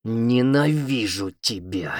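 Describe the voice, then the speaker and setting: A man's voice: medium pitch, lively intonation, slow pace, darkish tone, no room sound, clean studio sound. A man reading the part of a proud young male demon who speaks in a growling, furious voice.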